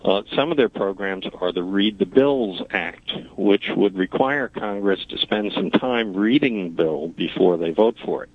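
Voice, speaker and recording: A deep-voiced man calls in over a thin, narrow telephone line. He speaks haltingly, filling the gaps with "uh" and "um" as he explains at length. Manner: halting, many fillers, long explanations. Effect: heard over a telephone line. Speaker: caller. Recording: tinny phone line.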